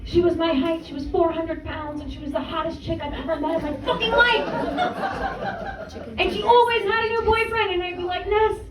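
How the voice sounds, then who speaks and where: A woman's voice: extremely high pitch, fairly even intonation, fairly quick, background noise. A woman comedian performing a stand-up set in a comedy club, with wry, self-deprecating banter toward the audience. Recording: echoey club from a distance, crowd laughter.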